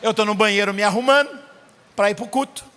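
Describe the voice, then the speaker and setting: High-voiced Brazilian man preaching. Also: fast, in a large hall, a little hiss or hum. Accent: Brazilian Portuguese. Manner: animated, acts out dialogue. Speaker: pastor. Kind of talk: storytelling sermon. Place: church.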